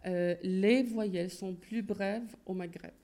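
Gravelly-voiced woman lecturing on linguistics. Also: medium pitch, steady tone, slow pace, mellow. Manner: explanatory, thinks aloud while searching for terms.

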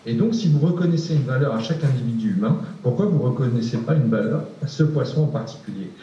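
A man's voice: mid-range voice, quick pace, dark tone. A male researcher answering a question in a panel discussion, hesitant, with many fillers and repeated words. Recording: distant, echoey, dull room recording.

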